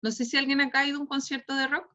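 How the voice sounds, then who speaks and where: A woman's voice: sits high, flat delivery, very fast, bright, forceful tone. A woman teacher with a Chilean Spanish accent lecturing an online class, ending nearly every phrase with a questioning tag. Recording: dull lo-fi online class audio.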